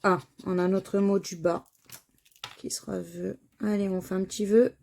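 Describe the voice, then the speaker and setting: Gravelly-voiced woman spelling letters. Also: medium pitch, level tone, dark tone, a little hiss or hum. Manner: spells out letters slowly, chatty asides to viewers. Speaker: scratch-card vlogger. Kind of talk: casual commentary while scratching tickets.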